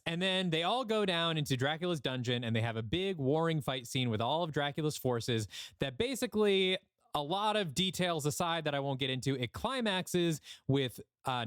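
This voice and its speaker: A man's voice: a little high, no room sound, studio quality. A man hosting a podcast, giving a casual recap of a story. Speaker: podcast host.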